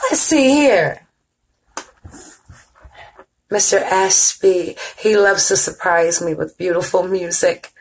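Husky middle-aged woman hosting a music stream. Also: on the low side, slow pace, pauses often, rough recording. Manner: chatty and playful, talking to listeners, hums and sings along. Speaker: host of an online music show. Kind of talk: casual live-stream chat.

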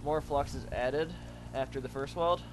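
A man explaining his blacksmithing work step by step, in a plain, halting way with many fillers. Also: medium pitch. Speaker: hobby blacksmith. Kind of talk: explaining narration over a demo. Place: outdoor backyard forge. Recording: noisy outdoor recording.

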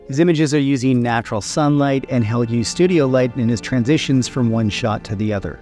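A man hosting a tutorial, explaining things step by step in a steady way. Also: medium pitch, brisk, faint music behind. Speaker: tutorial host.

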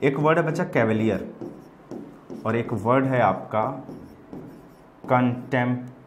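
A man's voice: medium pitch, moderate pace, slight background noise. A man with an Indian accent teaching an online vocabulary lesson, explaining word meanings patiently, addressing students as children and spelling words out letter by letter. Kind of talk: online exam-prep lesson.

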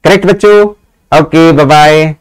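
Fairly high-voiced male teacher. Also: clean tone, poor audio. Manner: reads out English questions slowly, explains in Hindi; praises students by name. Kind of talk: live online exam-prep class.

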